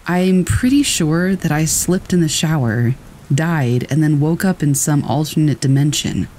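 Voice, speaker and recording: A narrator reading first-person horror stories aloud in a steady storytelling manner. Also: medium pitch, a little slow, poor audio.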